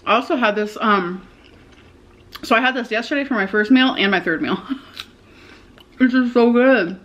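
A woman's voice: mid-range voice, fairly quick, fairly bright tone, muffled recording. A young adult woman chatting casually to camera in a vlog, chewing as she talks with her mouth partly full. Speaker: vlogger. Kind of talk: casual eat-with-me vlog chat. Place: indoors in a room at home.

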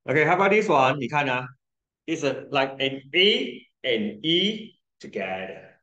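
Slow-talking man teaching pronunciation. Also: mid-range voice, very animated, sharp tone, dull audio. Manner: patient, drawn-out demonstrations of vowel sounds. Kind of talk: tutoring lesson, mixing Mandarin and English. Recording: echoey room.

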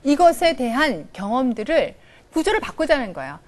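Animated woman giving a coaching lecture. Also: high voice, normal speed. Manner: animated, acts out little dialogues in changing voices. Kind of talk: televised lecture. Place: studio with a live audience.

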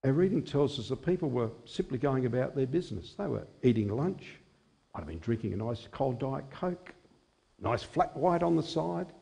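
A man in his sixties preaching a sermon in a small chapel at a lectern microphone, measured and expressive. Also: mid-range voice, vocal fry. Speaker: chaplain preaching.

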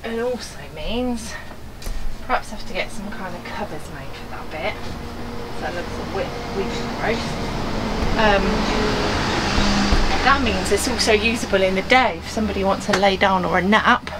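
A woman's voice: medium pitch, moderate pace, very noisy. Chatty English woman vlogging. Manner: chatty and self-mocking, laughs often. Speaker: vlogger, van converter. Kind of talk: casual vlog chat. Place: inside a van on a driveway and outdoors beside a house.

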